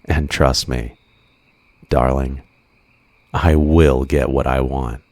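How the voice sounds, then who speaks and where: In an ASMR roleplay, a man plays an obsessive, flirtatious supervillain, possessively drawing out teasing endearments that carry a soft menace. His full character voice is extremely low and steady, delivered slowly in a dry recording with a mood of cold menace.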